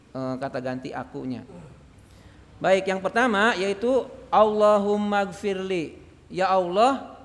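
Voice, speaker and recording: A man giving a mosque study lecture, explaining patiently and answering his own rhetorical questions, with an occasional cough. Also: fairly high pitch. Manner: coughs now and then. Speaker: religious teacher. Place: mosque hall. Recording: long hall reverb.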